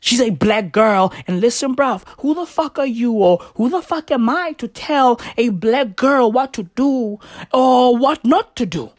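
A woman on a profane comedic rant with frat-bro slang, swinging between shouts and low asides and often checking in with short tag words. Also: expressive, measured pace, few pauses, dry recording, clean studio sound. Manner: frat-bro slang delivery, repeated "bruv", "right?" and "legit".

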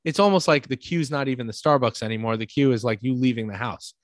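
In a dry recording with no room echo, a podcast co-host with a New York accent casually explains his ideas at a quick pace. His voice is medium-pitched, and he grounds his points in everyday examples while regularly checking in with "right?"

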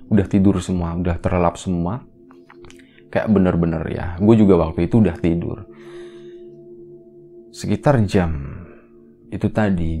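A man casually retelling a horror story as a podcast storyteller, in a relaxed, rambling, conversational way. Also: low voice.

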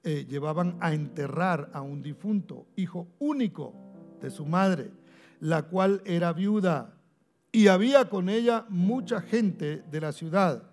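Man, pastor, sermon, rough creaky voice, repeats himself for emphasis, goes loud then hushed. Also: high-pitched, unhurried, faint music behind. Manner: addresses listeners as brother, swings from loud to hushed.

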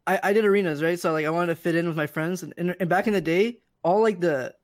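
A man's voice: sits high, fast, no echo. A man in casual podcast chat, hesitant and stammering, repeating his words.

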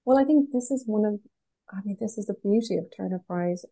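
A woman's voice: medium pitch, brisk, dark tone. A woman with a west of Ireland accent gives thoughtful, pragmatic answers as an interview guest. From Galway, west of Ireland. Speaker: interview guest, art curator.

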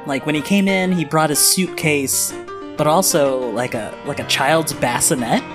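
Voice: mid-range voice, unhurried. A game master casually narrating a tabletop game scene, full of "like" and "um". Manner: casual, filler-heavy narration with frequent "like". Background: background music.

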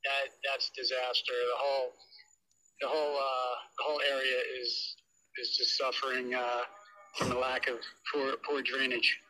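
An older man is heard through a phone on speakerphone. His voice is very bright and sharp-edged. He talks casually and haltingly, filling gaps with "uh". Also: mid-range voice, flat delivery, rough recording. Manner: halting, with many "uh"s, plain-spoken. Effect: heard over a phone on speakerphone. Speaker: caller, host's father.

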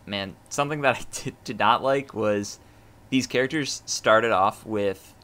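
A man co-hosting a casual movie review chat, relaxed and hesitant, with many fillers. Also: lowish voice, measured pace. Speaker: podcast co-host.

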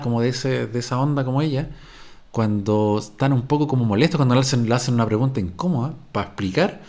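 A man's voice: mid-range voice, a little mellow. A Chilean man with a Chilean accent hosting a podcast, giving his opinion in a loose, slangy, rambling monologue. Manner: slangy, rambling, peppered with cachai. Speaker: podcast host.

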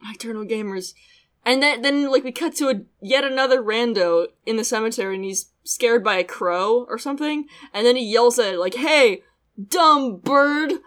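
A woman's voice: on the high side, a little fast. A woman co-hosting a podcast, recapping an anime episode in casual, sarcastic chat, often laughing and swearing now and then. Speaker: podcast co-host.

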